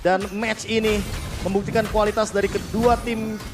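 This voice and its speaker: A man's voice: high voice, flat delivery, normal speed, over music. A man with an Indonesian accent giving analytical live commentary as an esports caster.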